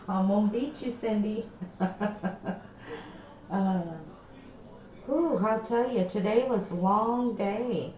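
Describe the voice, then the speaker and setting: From her craft room, a livestream host with a mid-range, darkish voice chats slowly, often trailing off mid-sentence. Everything sounds hollow and tinny like inside a tin can, on dull, echoey lo-fi stream audio with faint background noise.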